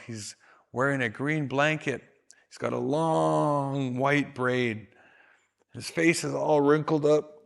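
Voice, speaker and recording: A man telling a traditional story in a calm, measured, deliberate way. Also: mid-range voice, creaky. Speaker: storyteller and educator.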